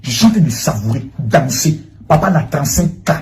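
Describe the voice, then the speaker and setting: A man giving an impassioned, accusatory monologue, swinging between loud outbursts and hushed lines. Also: mid-range voice, very animated, fairly quick. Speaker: public figure answering a former protégée.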